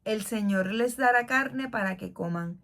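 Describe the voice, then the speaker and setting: The Lord speaks with stern, declaring authority, as a woman reads his lines. Her voice stays at a middle pitch and sounds close to her own. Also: measured pace, creaky, fairly bright tone. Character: the Lord, stern divine male voice.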